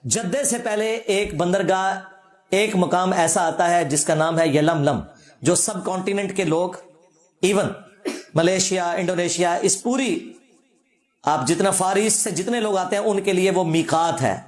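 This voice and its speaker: A man's voice: high-pitched, reverberant. A man, a religious scholar giving a sarcastic, debunking reaction lecture.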